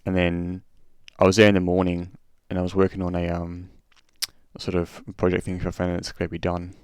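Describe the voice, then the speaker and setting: Tired streamer guy, real deep voice, dry close mic, rambly and sweary. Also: completely flat delivery, fairly quick, clear, resonant tone, dry recording. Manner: rambling, swearing, stuttering restarts. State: short on sleep. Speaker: streamer and race host. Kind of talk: casual chat over a race replay.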